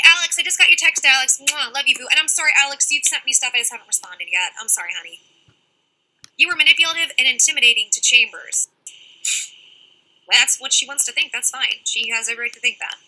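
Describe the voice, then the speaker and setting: A woman's voice: sits high, sharp tone, rough recording. A young woman hosting a casual livestream, reading out chat comments and answering them directly.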